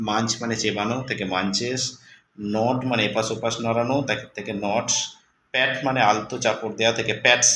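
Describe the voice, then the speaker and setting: A man teaching schoolchildren English in a bright, clear voice. He reads each English line slowly, then explains it. The room is echoey, with faint noise. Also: lowish voice. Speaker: tutor. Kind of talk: English lesson for children.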